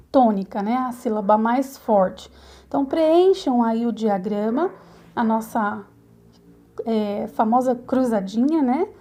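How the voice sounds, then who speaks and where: A Brazilian woman teaching a recorded lesson to children, her voice pitched high and bright. She takes her time, explaining each task patiently and checking in with her pupils as she goes. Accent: Brazilian Portuguese. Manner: patient, explains step by step with frequent "né?" and "tá?". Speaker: primary school teacher.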